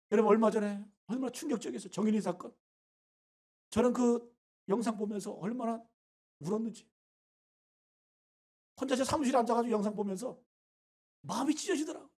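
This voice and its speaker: A man preaching a Sunday sermon as pastor, swinging between loud urging and quiet asides. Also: high-pitched. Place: church sanctuary.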